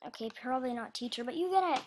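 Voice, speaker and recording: Rapid-fire and expressive, a young video creator with a high, somewhat childish voice chats without a script to announce animation voice auditions. She rambles, hesitantly searching for words, with slight background noise behind her.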